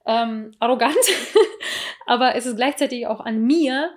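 A woman's voice: a little high, unhurried. A young adult woman co-hosting a podcast, talking reflectively and mixing in English words. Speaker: podcast co-host. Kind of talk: casual chat.

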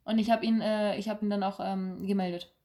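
A young woman talking casually on a podcast. She sounds laid-back, slips into quick anecdotes and plain explanations, and speaks at an ordinary mid-range pitch. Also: steady tone, warm tone. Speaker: podcast co-host. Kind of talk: casual chat.

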